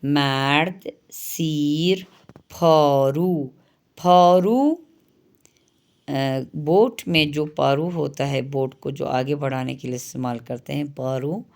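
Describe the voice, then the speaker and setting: A middle-aged woman teaches Persian vocabulary, and her voice sits low. She explains quickly, then says each new word slowly and clearly. Her practice questions come out higher and louder. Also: steady tone. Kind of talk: language lesson.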